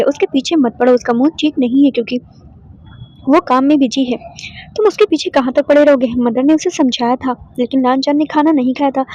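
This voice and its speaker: A woman's voice: high-pitched, a little mellow, no room sound. A woman retelling a fan fiction story in a conversational way, often restarting her sentences. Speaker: story narrator. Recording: dull, dry lo-fi voice recording.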